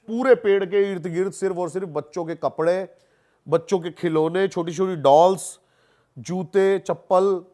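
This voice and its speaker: A man with a high, darkish voice tells stories casually as a guest on a podcast, where he appears as an investigator of haunted places. His talk is animated and colloquial, repeating himself for emphasis and mixing in English words.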